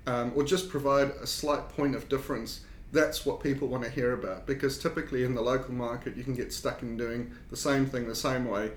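Speaking briskly with a steady tone and barely pausing, this South African consulting engineer is a guest on a podcast. He sounds relaxed but unsure, often using filler words and starting over. Faint rumble and echo fill the recording space.

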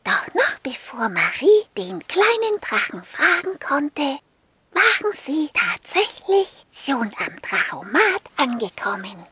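A woman reading a children's story aloud in a soft, half-whispered storytelling voice. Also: high-pitched, husky, no echo.

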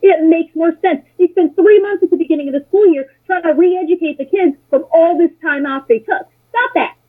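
Very high-pitched and brisk, this American woman, an interview guest who once ran for political office, talks casually and tells opinionated stories. She's blunt, sarcastic and swears freely, and the audio has a muffled, phone-like lo-fi quality.

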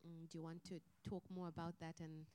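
A woman interviewer asking questions in a gentle, encouraging way. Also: lowish voice, flat delivery, fairly quick, smooth.

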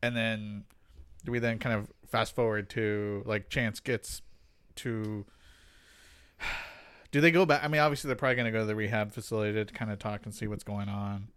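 A man co-hosting a casual chat, talking in a rambling, halting way full of restarts. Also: on the low side, level tone, a bit bright, smooth.

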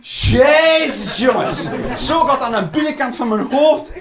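A man performing a stand-up comedy routine. He swings between loud outbursts and low muttering, and he swears. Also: normal speed, crowd noise.

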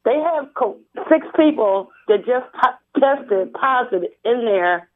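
A woman calling in to a radio talk show over the phone, speaking hesitantly with halting restarts. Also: a little high, animated. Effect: phone line. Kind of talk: call-in radio. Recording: tinny phone line.

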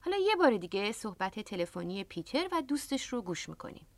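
A woman's voice: mid-range voice, big pitch swings, no room sound. A woman hosting a radio language lesson, explaining words patiently into a close studio microphone. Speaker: English teacher and radio host.

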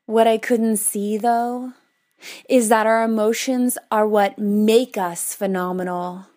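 A woman in her twenties delivering a prepared personal speech, telling a story with measured, dramatic pauses. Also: medium pitch, steady tone, darkish tone. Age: 20s. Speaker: speaker.

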